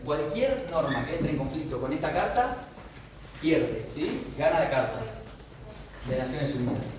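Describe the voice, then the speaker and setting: Argentine man, law lecturer, explanatory tone, distant mic, very echoey room, noisy background. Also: fairly high pitch. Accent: Argentine Spanish. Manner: explanatory, with frequent checks of "¿sí?". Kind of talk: university lecture. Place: classroom.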